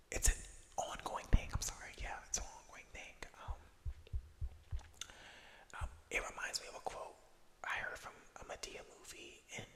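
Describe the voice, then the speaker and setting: An ASMR creator of unclear gender whispering a casual, reflective personal ramble in a hesitant, self-correcting way, with an echo effect on the voice. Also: darkish tone. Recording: long echoing reverb on whisper.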